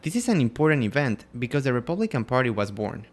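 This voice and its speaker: A man's voice: mid-range voice, big pitch swings, fast, faint music behind. A man from Ecuador co-hosting a scripted history podcast, reading prepared lines in turns with his co-host.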